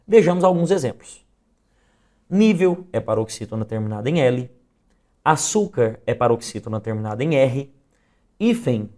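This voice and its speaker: A man's voice: mid-range voice, dark tone. Methodical Brazilian male teacher. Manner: methodical, explaining step by step with examples. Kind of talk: exam review lesson.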